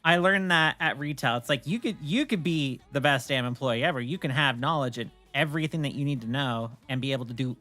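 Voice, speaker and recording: Rumbling low and brisk, a woman's voice barely pauses as she chats casually on a livestream over soft background music. She's the streamer and host, telling animated stories in a blunt, opinionated way full of swearing.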